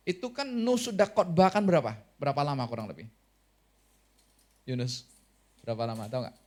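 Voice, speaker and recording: Man, pastor, Indonesian accent, high voice, lively sermon, questions to congregation.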